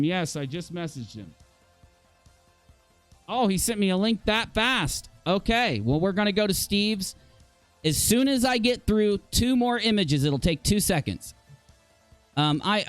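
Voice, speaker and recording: A man hosting a live stream, talking in a heated, exasperated rant with a lively pitch that jumps up when he gets worked up. His voice sits a little high for a man. The sound is dry and close, with no room echo. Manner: exasperated, heated ranting while reading posts aloud. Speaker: livestream host.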